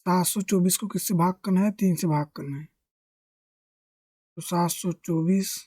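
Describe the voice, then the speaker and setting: Mellow, dry-voiced maths teacher. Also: medium pitch, no echo. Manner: asks questions and answers them himself; keeps addressing listeners as friends. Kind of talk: step-by-step maths lesson.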